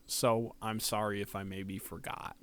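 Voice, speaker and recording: Man, low voice, slow, sleepy, rambling, casual music review, close mic. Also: little pitch movement, a bit bright, clean tone. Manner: rambling, hesitant, many ums. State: sleepy, yawning late at night. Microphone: close mic that can peak.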